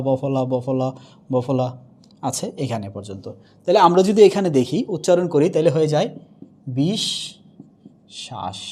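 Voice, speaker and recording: A male teacher giving a pronunciation lesson, asking questions and answering them himself, and saying example words slowly more than once. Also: on the high side, dark tone.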